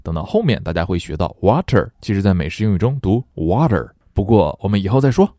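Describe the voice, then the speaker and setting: A man teaching English phrases in a language lesson, reading model sentences slowly and deliberately with quick explanatory asides. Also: deep voice, big pitch swings, warm tone, no echo, studio quality.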